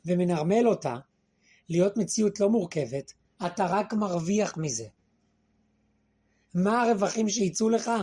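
Male Torah teacher, high-pitched and husky, asks and answers his own questions, drops his voice lower and quieter for quoted lines. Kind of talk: Torah class.

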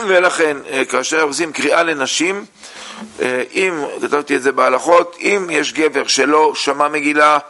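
Man, rabbi teaching religious law, bright tone, slightly high voice, halting with fillers. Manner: halting, many "uh" fillers, reads sources aloud then explains. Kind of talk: halakha lesson.

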